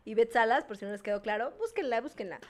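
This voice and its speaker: A woman's voice: fairly high pitch, animated, quick pace, a crowd in the background. A young adult woman with a Mexican accent, telling a story in a casual chat, slangy and laughing, acting out what others said. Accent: Mexican Spanish. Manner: laughing, slangy, acts out quoted voices.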